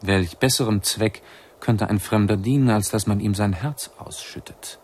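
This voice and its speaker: Man as low, deliberate Lord Peter Wimsey. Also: a little mellow, close to an everyday voice. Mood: urbane curiosity. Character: courteous, curious gentleman fond of the macabre. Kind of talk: German radio drama acting. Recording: faint background noise.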